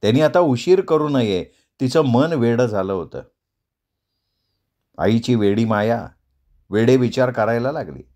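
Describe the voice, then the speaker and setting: A man's voice: mid-range voice, a little slow, pauses often. A man narrating a novel in storytelling style, acting out the characters' dialogue. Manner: expressive, acts out dialogue voices.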